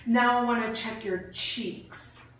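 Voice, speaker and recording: A woman's voice: fairly high pitch, steady tone, drawn-out words, fairly bright tone. A woman clinician giving step-by-step exam instructions in an encouraging way, with short bits of praise. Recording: very echoey room, distant mic, faint noise.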